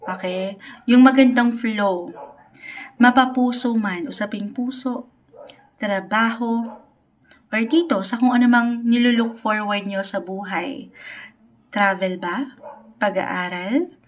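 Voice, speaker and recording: A woman's voice: mid-range voice, steady tone, slow pace, long pauses, muffled recording. A woman giving a weekly tarot reading on a livestream. She mixes Tagalog and English, speaks politely, and keeps checking in with "okay?". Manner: polite, uses "po" often. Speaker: tarot reader.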